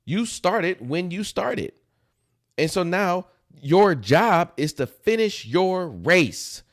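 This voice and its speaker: A man's voice: high-pitched, big pitch swings, slow. A middle-aged man giving an emphatic motivational talk, repeating key phrases for effect. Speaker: motivational speaker.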